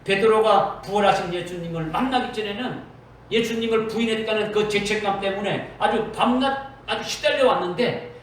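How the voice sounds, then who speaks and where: A man serving as pastor preaches in a church sanctuary, his voice sitting high at a normal pace. The sermon is emphatic and repetitive, with frequent direct quotations of Jesus, recorded far off in an echoey church hall with faint noise.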